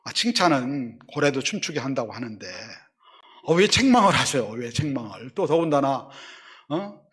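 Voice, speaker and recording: A male pastor preaching a sermon in a lively, conversational way, often asking the congregation questions. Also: medium pitch, moderate pace.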